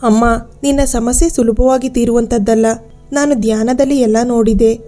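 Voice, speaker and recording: A woman voicing a calm, meditative older holy woman who speaks softly, in a storybook tale. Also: on the high side, normal speed, faint music behind, lightly acted. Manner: soft-spoken.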